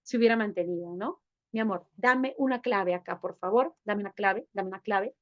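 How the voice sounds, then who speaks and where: A woman's voice: medium pitch, normal speed. A woman teaching an online class, affectionate and coaxing, who keeps asking the students to confirm they follow. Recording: dull lo-fi sound.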